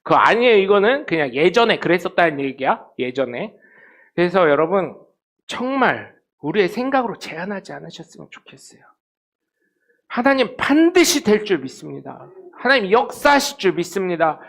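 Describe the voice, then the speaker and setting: High gravelly pastor preaching. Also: male voice, big pitch swings, moderate pace. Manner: storytelling, acting out quoted people, swings from loud to very soft. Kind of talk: sermon. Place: church sanctuary.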